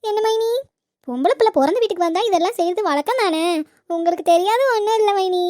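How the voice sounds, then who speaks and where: A woman voicing a bossy, whiny young wife in a cartoon comedy, pleading in a shrill, whining way. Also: quick pace, dark tone. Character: bossy, whiny young wife who beats her husband. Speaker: visiting sister-in-law.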